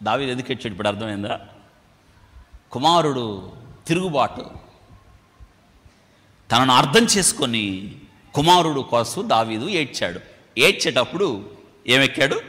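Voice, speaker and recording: Animated preacher in an echoing hall. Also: male voice, medium pitch. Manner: animated preaching, calls for audience responses; mixes English phrases into his preaching. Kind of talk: sermon. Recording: long hall reverb.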